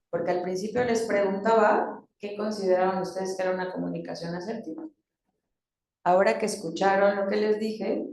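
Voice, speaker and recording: Workshop speaker: woman, mid-pitched, talking to a room full of people, roomy sound. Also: a little mellow. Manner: asks the group questions, demonstrates tones of voice. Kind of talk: interactive talk to a group. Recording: echoey room.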